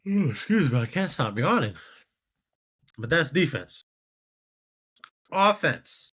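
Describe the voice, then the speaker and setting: A man's voice: fairly high pitch, big pitch swings, takes it slowly, a bit bright, husky. A man hosting a casual sports commentary show, rambling and incredulous as he talks to himself. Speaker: show host.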